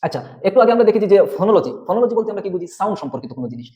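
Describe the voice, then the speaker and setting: A man's voice: high voice, big pitch swings, very fast. A male teacher giving an exam-prep lecture, explaining step by step and often checking in with the listener. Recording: dull lo-fi audio.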